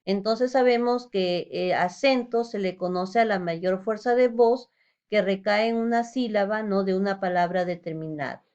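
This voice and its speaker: A woman's voice: mid-range voice, moderate pace, a little mellow, clear, resonant tone, lo-fi sound. Patient woman teaching a spelling lesson. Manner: patient, explains step by step with rhetorical questions.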